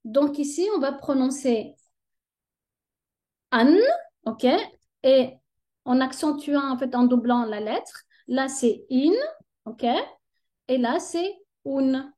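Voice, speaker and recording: Patient woman teacher, warm high voice, unhurried tutorial delivery. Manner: patient, checks understanding with frequent "ok?". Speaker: Arabic reading teacher. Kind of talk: step-by-step tutorial lesson.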